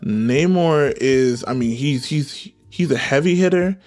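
A man's voice: medium pitch, measured pace, a little mellow, dry recording. A man hosting a casual solo podcast, talking in a playful, rambling, slangy way with music behind him. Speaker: podcast host.

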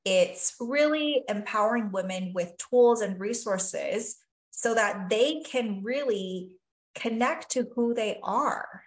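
Her voice is on the high side with lively intonation, and she speaks slowly: a Taiwanese physician and life coach, earnest and thoughtful as a podcast guest, often saying "you know" and "really." The reflective conversation is captured in a rough recording of an echoey room.

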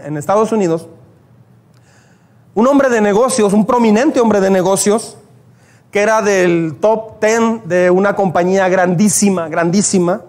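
A male pastor, preaching a sermon and telling stories, acting out the prayers he quotes. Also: extremely high pitch.

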